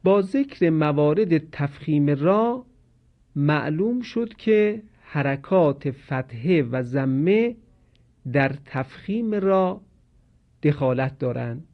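Man teaching slow, careful pronunciation. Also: fairly high pitch, expressive, dull audio. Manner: slow, measured explanation with drawn-out recited example words. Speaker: Quran recitation teacher. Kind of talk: instructional lesson on Quranic pronunciation.

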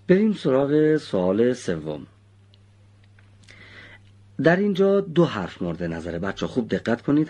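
Male teacher with a husky, low voice, patient and encouraging with pupils. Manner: patient, quizzes pupils and praises answers. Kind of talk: classroom teaching with questions to pupils.

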